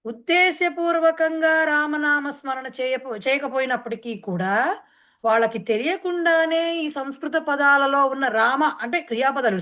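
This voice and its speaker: A woman Sanskrit teacher who chants a verse slowly, then explains it in quick talk mixed with English words. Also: high voice, fairly bright tone. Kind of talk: online class explaining a verse in Telugu.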